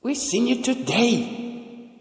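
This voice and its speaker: A man puts on an indignant old time traveller for an audio drama, pitched up and exclaiming. The voice is emphatic and rings through heavy reverb. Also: lively intonation, slow pace, heavily acted. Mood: indignant, excited. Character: old time-travelling male doctor, indignant and sharp-minded. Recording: echoey room with long reverb.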